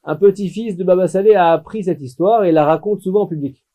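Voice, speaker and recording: A man narrates a story in a mellow, dark-toned voice that sits a little high in pitch. His storytelling is lively and expressive, and he shifts his voice for each person in the tale. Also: quick pace. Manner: lively read-aloud storytelling, voicing the people in the story.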